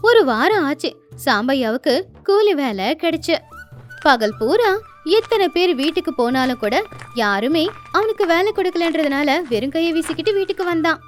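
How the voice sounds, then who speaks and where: A woman narrates a moral story in a gently emphatic storytelling manner. Her voice sits high, and faint music runs beneath it. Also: lively intonation, normal speed.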